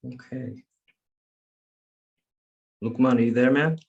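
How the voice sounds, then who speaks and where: A man facilitating an online youth meeting, speaking in a measured, formal way as he reads prepared remarks over a video call. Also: mid-range voice, creaky, slightly rough, phone-quality sound.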